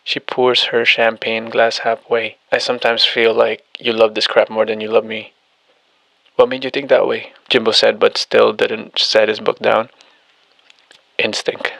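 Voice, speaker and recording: A man with a low, flat voice narrates an audiobook. He reads each character the same way, with hardly any rise or fall. The sound is close and dry. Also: normal speed, gravelly, no echo, rough recording. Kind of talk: scripted narration reading all characters.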